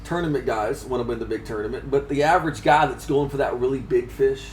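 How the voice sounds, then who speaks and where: A man's voice: mid-range voice, quick pace. Chatty joking man, faint background noise. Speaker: fishing magazine editor. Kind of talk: casual chat about fishing. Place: fishing trade show.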